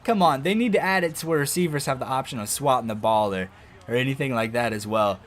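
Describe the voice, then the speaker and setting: A man giving casual commentary as he plays a football video game, breaking into excited, loud outbursts at the plays. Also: medium pitch, quick pace, slight background noise. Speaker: gaming video host.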